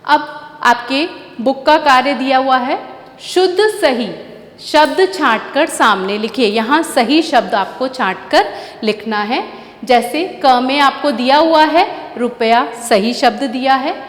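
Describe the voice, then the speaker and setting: A woman teaching a grammar lesson to children, slowly repeating and correcting each word. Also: high-pitched. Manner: slow, deliberate, repeats and spells out words. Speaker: school teacher. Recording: echoey room with long reverb.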